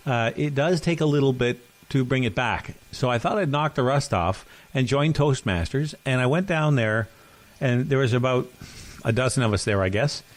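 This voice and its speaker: Chatting casually on his podcast, this middle-aged co-host rambles through stories, correcting himself and restarting frequently, with the odd cough. He has a mid-range voice and a moderate pace.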